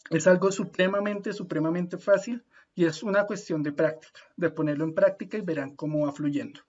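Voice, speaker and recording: A man gives an easygoing online lecture in a slightly high voice. He talks patiently, pausing to make sure everyone follows and drawing out the hard Latin names. His voice comes through muffled video call audio. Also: a little mellow, breathy edge. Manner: friendly, patient, often checks in with "¿listo?"; slows down to spell out Latin names. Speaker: speaker at an online talk. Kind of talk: informal lecture.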